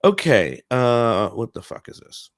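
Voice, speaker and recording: A man hosting a casual podcast news chat. He jokes, swears offhandedly and often trails off mid-thought. His voice sits at a middle pitch and is recorded close and dry. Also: big pitch swings, unhurried, no echo. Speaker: podcast host.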